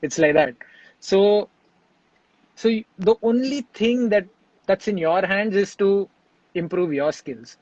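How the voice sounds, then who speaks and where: A man, a singer speaking as an interview guest in a relaxed conversation, reflective and halting, often restarting his sentences. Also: high voice, dry recording, highs cut off.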